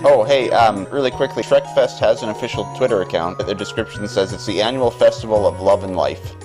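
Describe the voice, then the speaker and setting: A man's voice: on the low side, brisk, over music. A man hosting a podcast, chatting casually and explaining things at length, often restarting his words. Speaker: podcast host. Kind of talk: casual chat.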